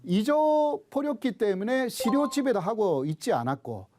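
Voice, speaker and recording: A man's voice: high voice, big pitch swings, normal speed, over music. A man, a professor and native Japanese speaker, lecturing on history with a Japanese accent in a didactic way, posing questions and then answering them.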